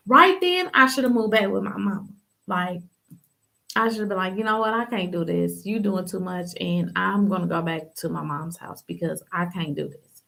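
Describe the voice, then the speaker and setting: A young woman from Ohio shares her personal testimony on a livestream, speaking candidly in loose everyday slang. Her voice has a gravelly fry, and her pitch sits in an ordinary middle range. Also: fairly bright tone. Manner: casual, candid storytelling with slang and many fillers. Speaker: podcast host telling her testimony.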